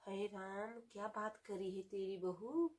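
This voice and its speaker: A chatty elderly woman friend, played by a woman, gossips at an unhurried, drawn-out pace. Her voice sits at a middling pitch. It is comic sketch acting. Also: steady tone, a little mellow, natural voice. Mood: gossipy. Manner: slow, gossipy chat.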